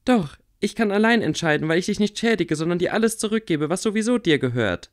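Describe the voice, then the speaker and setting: A man's voice: expressive, quick pace. A man voicing a stubborn frustrated young witch girl. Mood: indignant. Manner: pleading, raised pitch.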